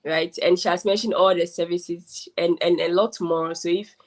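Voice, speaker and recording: Fields: chatty low-voiced woman host. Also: steady tone, moderate pace. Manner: chatty, enthusiastic, with fillers like "like". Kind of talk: casual interview.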